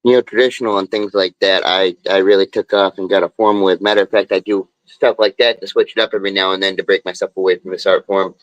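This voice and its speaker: A man's voice: low voice, fairly even intonation, fast talker, hardly any pauses, no room sound, rough recording. A man streaming casually as he draws, talking in a laid-back, drawling, slangy way into a phone. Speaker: live streamer and tattoo artist. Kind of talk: casual chat while drawing.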